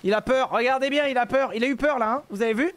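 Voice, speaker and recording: A man commentating his own video game live, joking, swearing and talking to his chat in an excitable way. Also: very high voice, fast. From France. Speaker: streamer playing a video game.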